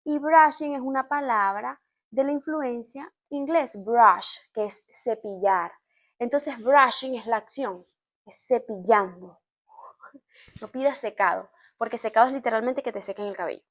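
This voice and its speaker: Venezuelan woman vlogging, chatty and expressive, slightly high voice. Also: measured pace. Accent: Venezuelan Spanish. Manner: chatty and expressive, explaining with laughs. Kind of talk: casual storytime chat to camera.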